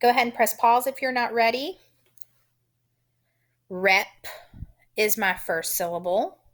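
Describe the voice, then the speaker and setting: A woman teaching a phonics lesson, sounding out letters and syllables in a deliberate, encouraging way. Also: a little high.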